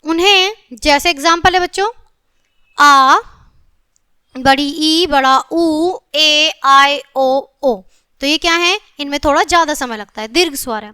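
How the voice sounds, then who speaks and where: A woman teaching a grammar lesson to children, explaining step by step, slowly stretching each sound she names and often saying "okay". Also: sits high, pushed and bright, no echo, studio quality.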